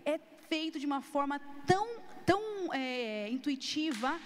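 A woman teaching a recorded video lesson, emphatic and animated, often shifting her tone to demonstrate a point and talking to viewers directly in casual slang. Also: high voice, a little slow. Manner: lively, emphatic, changes tone and pace often to demonstrate. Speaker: youth ministry teacher. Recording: long reverb, hall-like.

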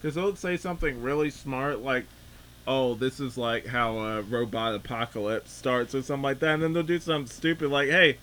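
A man's voice: medium pitch, fairly even intonation, fairly quick, a bit bright, a little hiss or hum. A man chatting casually as he reviews a film, rambling and leaning heavily on filler words. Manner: rambling, filler-heavy, says "like" often. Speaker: podcast movie reviewer.

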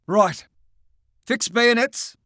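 A man's voice: extremely high pitch, extremely slow, bright, forceful tone, dry recording, clean studio sound, pitched above the performer's own voice, heavily acted. A male narrator voicing a stern British army major who gives curt, commanding orders.

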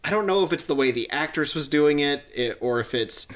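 A man co-hosting a podcast, chatting casually about a TV episode, halting and giggly. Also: fairly high pitch, lively intonation, fairly bright tone. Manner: giggly, halting, often acting out silly voices. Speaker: podcast co-host.

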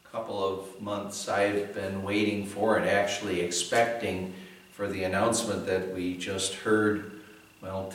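A man giving a devotional sermon as a pastor, opening with a told joke and moving into earnest reflection. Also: on the low side. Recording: very echoey room, voice from a distance.

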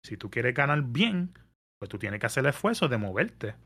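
A man, telling a story in casual podcast chat, animated and mixing in English words. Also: mid-range voice, moderate pace, slightly rough. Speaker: podcast guest. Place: New York area.

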